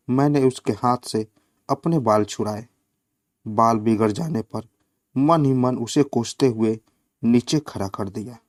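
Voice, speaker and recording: A man reading a satirical short story aloud at a slow, measured pace. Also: mid-range voice, a little mellow, no room sound, studio quality. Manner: slow, measured reading with quoted lines voiced in the flow.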